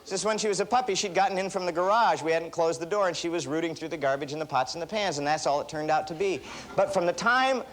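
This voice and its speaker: Brief: man giving a motivational seminar, fairly high voice, lively self-mocking storyteller. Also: fast, slight background noise. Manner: animated, self-deprecating storyteller. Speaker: motivational speaker. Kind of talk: seminar talk with anecdotes.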